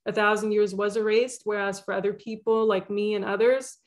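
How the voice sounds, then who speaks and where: A woman's voice: medium pitch, little pitch movement, fairly quick. A young woman hosting a spiritual channel, talking alone in a loose, rambling way with lots of fillers and restarts. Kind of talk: casual monologue.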